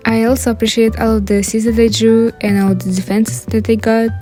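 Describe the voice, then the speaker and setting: A young adult woman with a Russian accent hosts an art channel on YouTube, giving casual scripted commentary over background music. Her fairly high, dark-toned voice is fairly quick with little pitch movement.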